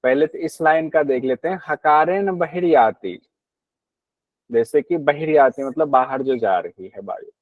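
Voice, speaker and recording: A man's voice: mid-range voice, moderate pace, few pauses, no echo, phone-quality sound. A man teaching a class on a yoga text, explaining patiently, repeating key points and asking his students questions.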